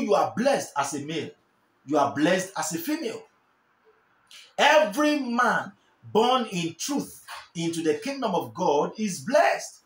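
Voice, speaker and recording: A young man with a Nigerian English accent sits in an armchair and preaches to the camera with fervour, gesturing and hammering home his key phrases through repetition. His high voice rises and falls in broad arcs, and the small, bare room gives the sound an echo.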